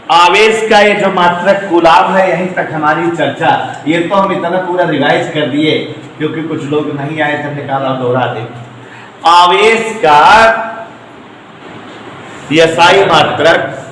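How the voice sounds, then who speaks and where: A man's voice: a little high, fairly bright tone. Man teaching physics in an echoey room. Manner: repetitive, emphatic, joking asides to students. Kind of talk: classroom lecture. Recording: echoey room with long reverb, faint noise.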